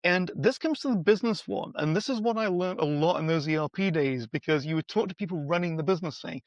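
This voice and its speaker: A middle-aged man speaking as a guest expert in a conversational podcast interview, animated and acting out quoted dialogue with playful voices. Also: a little high, fast, no room sound. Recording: slightly dull, dry sound.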